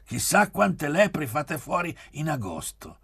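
A man's voice: on the high side, big pitch swings, a little slow, vocal fry, a bit bright, husky, voice pushed up, heavily acted. A man reading aloud and voicing a jovial young man who teases his companions. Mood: teasing.

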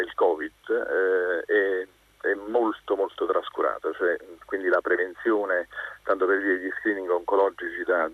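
A man with a very deep, husky voice calls into a live radio show, and he is heard over a tinny phone line. He speaks earnestly and methodically, going through his concerns point by point. The line sounds close and dry. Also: dry recording. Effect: heard over a telephone line. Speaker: radio call-in caller, family doctor.

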